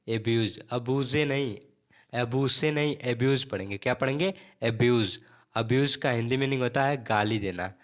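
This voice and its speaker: A man teaching an English lesson, spelling words out letter by letter and asking and answering his own questions in a drilling rhythm. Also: mid-range voice. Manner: spells words letter by letter, then repeats them slowly.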